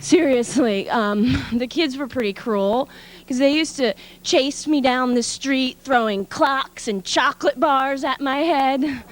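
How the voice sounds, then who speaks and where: A woman tells a playful, ironic stand-up story at an audition. Her voice sits high. Faint music plays behind her. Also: takes it slowly. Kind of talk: stand-up routine.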